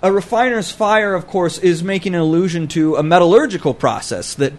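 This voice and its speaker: A man whose voice sits high speaks briskly as a podcast co-host. He explains scripture in a casual, scholarly way, thinking aloud as he goes.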